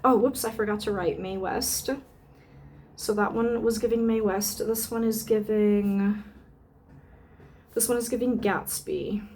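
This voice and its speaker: Sniffing perfume samples for her vlog, a woman who does burlesque talks in a medium-pitched, fairly even, darkish voice, unhurried and full of pauses. Her chat is rambling and unscripted, thick with fillers and casual swearing. A slight hiss or hum sits under the recording.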